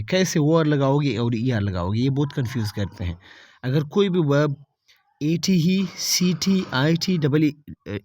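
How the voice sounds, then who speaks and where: A man teaching English grammar, explaining spelling rules at a steady pace and slowing down to spell words out letter by letter. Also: medium pitch, dry recording, clean studio sound.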